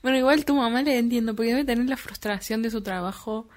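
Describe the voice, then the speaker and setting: A woman's voice: fairly high pitch, fast. A young woman, chatting casually, blunt and self-deprecating, swearing freely. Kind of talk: casual chat.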